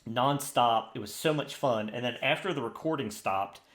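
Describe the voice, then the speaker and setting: Man, podcast co-host, casual chat, eager and rambling, mid pitch, roomy echo. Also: moderate pace, a bit bright. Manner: enthusiastic, rambling with restarts.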